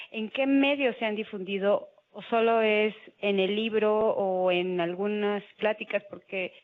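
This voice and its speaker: A man asking a question at a panel talk, hesitant and searching for words. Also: high voice. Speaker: audience member asking a question. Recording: tinny phone-like audio.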